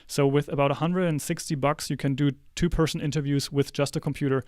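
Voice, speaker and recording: Clear-voiced man explaining mics. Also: on the high side, fast, no echo. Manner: relaxed explanatory, with small restarts. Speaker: tech reviewer. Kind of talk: casual product comparison talk. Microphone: close handheld-style podcast mic.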